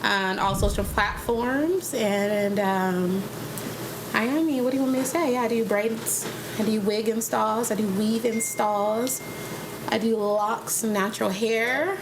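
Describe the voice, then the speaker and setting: A woman's voice: fairly high pitch, a little slow. A confident, upbeat woman, a hairstylist and entrepreneur, talking on a casual panel. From Seattle area, United States. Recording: echoey room with background noise.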